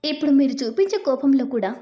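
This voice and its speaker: A woman's voice: high-pitched, expressive, fast talker, mellow. A woman voicing a cheerful, affectionate young wife in a read-aloud story. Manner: playful, affectionate.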